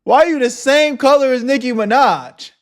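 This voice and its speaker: A man's voice: very high-pitched, normal speed. A man streaming live, reacting to a video in loose slang through a headset mic, talking straight back at the screen and greeting his chat. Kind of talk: casual live reaction commentary.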